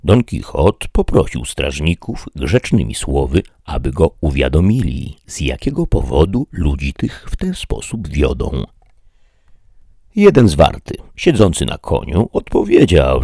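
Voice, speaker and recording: A man narrating an audiobook of a classic novel in an expressive, measured way. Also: deep voice, no room sound, studio quality.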